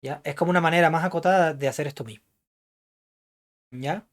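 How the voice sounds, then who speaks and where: A male lecturer explaining code to a class, pausing often to check that students follow and putting questions to them. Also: fairly high pitch. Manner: keeps checking understanding with "¿ya?" and "¿entiendes?"; thinks aloud, hedging what he recalls. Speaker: programming lecturer.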